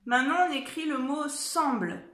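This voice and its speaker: A woman teacher giving a dictation lesson to young children, spelling out words and letters slowly and carefully. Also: high voice, lively intonation, a bit bright, reverberant. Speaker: primary school teacher.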